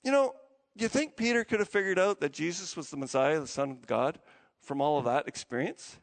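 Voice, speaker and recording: High-voiced pastor in an echoing hall. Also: male voice, fairly quick. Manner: conversational, animated storytelling. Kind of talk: sermon. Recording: long church hall reverb.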